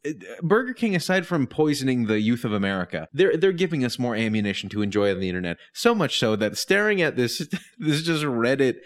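A man's voice: medium pitch, big pitch swings, fairly quick, few pauses. A man co-hosting a podcast in casual comedic chat, ranting sardonically and swearing freely. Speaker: podcast co-host.

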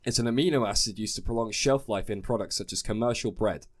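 A man's voice: fairly low pitch, fast talker. A young man from England in casual chat, explaining things in a wry, mock-serious way. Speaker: podcast co-host.

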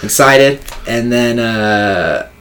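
A very high man chatting casually in a slangy, sweary stoner manner. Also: drawn-out words, fairly bright tone. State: very high on cannabis. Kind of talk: casual chat.

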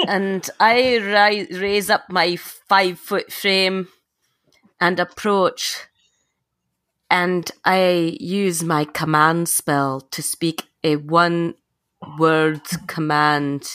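A woman's voice: lowish voice, fairly even intonation, extremely slow, fairly bright tone, clean tone, no room sound, clean studio sound. Hesitant woman at a game table. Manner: hesitant, with fillers. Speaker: player. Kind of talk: casual tabletop play.

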